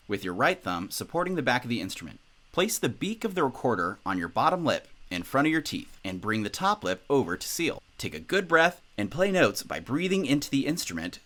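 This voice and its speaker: A young man teaching a music lesson in an upbeat, instructional way. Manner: upbeat, instructional, lively pitch. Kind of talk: music tutorial.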